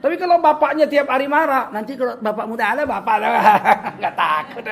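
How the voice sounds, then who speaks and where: Animated older preacher with a Medan accent. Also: male voice, very high voice, fairly quick. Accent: Medan Indonesian. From Medan, North Sumatra, Indonesia. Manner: animated, joking, acts out quoted voices. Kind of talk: humorous religious talk.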